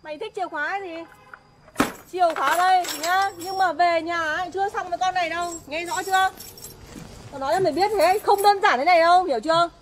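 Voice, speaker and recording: A woman's voice: very high-pitched, steady tone, fast talker. A woman playing an angry wife, scolding and berating her husband outdoors at night. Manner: shouting angrily, scolding. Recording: faint outdoor noise with crickets.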